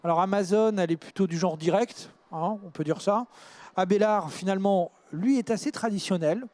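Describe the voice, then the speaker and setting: High-voiced male interview host. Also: normal speed, no room sound. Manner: relaxed, encouraging, reads guest bios. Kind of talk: literary interview hosting.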